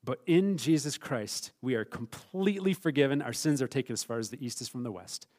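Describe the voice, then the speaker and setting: A man preaching a sermon as pastor, emphatic, swinging between loud stressed phrases and hushed, quiet asides. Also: medium pitch, fairly quick.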